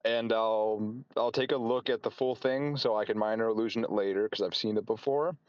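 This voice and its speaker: Halting man playing a tabletop game. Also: on the low side, steady tone, no room sound, muffled recording. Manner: halting, repeats and reformulates as he plans. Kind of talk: casual chat during a role-playing game.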